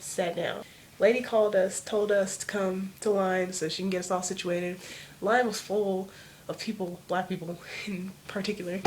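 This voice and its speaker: A woman's voice: mid-range voice, a little hiss or hum. A teenage girl telling a personal story to camera at home, rambling casually and leaning on "like" as filler. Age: teens. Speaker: vlogger. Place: home room.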